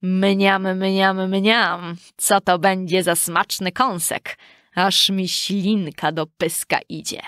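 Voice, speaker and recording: A woman doing a slow, sly wolf. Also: mid-range voice, little pitch movement, a bit bright, clear, resonant tone, no room sound, clean studio sound. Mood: greedy. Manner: slow, drawn-out, sly delivery. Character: greedy sly big bad wolf. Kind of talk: storybook reading.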